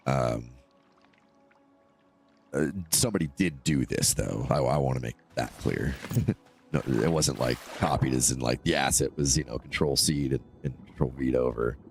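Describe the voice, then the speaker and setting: Speaking at normal speed in an extremely low, creaky voice, this man streams a game and rambles chattily from topic to topic, responding to his chat. He's congested from a cold, and soft music plays in the background.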